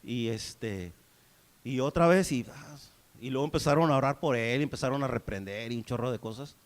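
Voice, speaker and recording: A man preaching a sermon, shifting between loud, pleading prayer and quiet, hushed storytelling. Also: medium pitch, moderate pace, big-room sound. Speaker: pastor.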